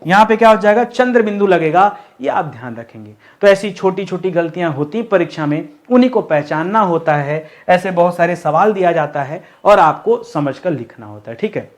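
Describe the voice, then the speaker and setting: A male Hindi teacher giving an online exam-prep lesson, explaining step by step and asking and answering his own questions, slowing down to spell out key words. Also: high-pitched, expressive.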